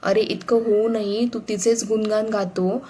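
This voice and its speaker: A scornful older uncle in a read-aloud story, as a woman narrator puts him on, scolding with contempt. The voice stays flat, with little rise and fall, and never leaves the storyteller's own tone. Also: mid-range voice, measured pace, breathy edge. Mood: angry scorn. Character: angry domineering older uncle, a man.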